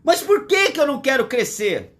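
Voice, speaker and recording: High-voiced older Brazilian pastor preaching. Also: male voice, sing-song, normal speed, fairly bright tone. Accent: Brazilian Portuguese. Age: 60s. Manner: earnest, repetitive, emphatic preaching. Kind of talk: livestreamed sermon. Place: at home.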